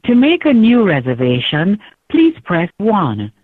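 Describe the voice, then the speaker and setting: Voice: mid-range voice, wildly swooping pitch, measured pace, dry recording. Recorded phone menu voice over a tinny line. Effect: recorded phone menu message. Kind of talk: automated greeting and menu prompts.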